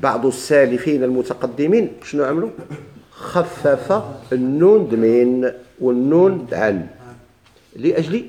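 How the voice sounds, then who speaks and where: A man's voice: mid-range voice, expressive, normal speed, warm tone. A man with a Moroccan Arabic accent teaching a grammar lesson, asking his class questions and answering them himself while he repeats the key points.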